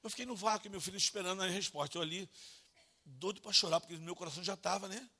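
A Brazilian man preaching an evangelical sermon as a pastor, swinging from soft, hushed lines to loud, impassioned ones. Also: sits high, fast talker, slightly rough. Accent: Brazilian Portuguese.

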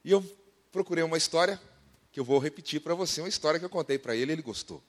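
A man in his thirties preaching a sermon, emphatic, slowing down and swelling in volume to drive points home. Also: fairly high pitch, animated. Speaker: pastor.

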